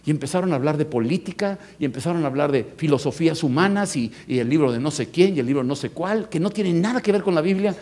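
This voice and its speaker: A man with a Mexican accent preaching a sermon as pastor, emphatic, rising to loud peaks and dropping to low tones. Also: expressive, fast, few pauses. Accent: Mexican Spanish.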